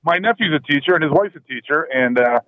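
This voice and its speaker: A man's voice: fairly high pitch, lively intonation, no room sound. Man calling in over a tinny phone. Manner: rambling, halting, repeats words. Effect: heard over the phone. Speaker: radio caller. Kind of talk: call-in radio chat.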